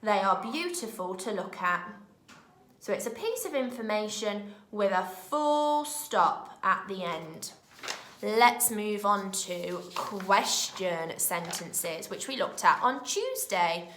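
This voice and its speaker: A woman teaching young children in a recorded lesson, with a British accent and a clear, expressive way of talking. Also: mid-range voice, echoey room, a little hiss or hum. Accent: British English. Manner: slow, clear and expressive, speaking to small children. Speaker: primary school teacher.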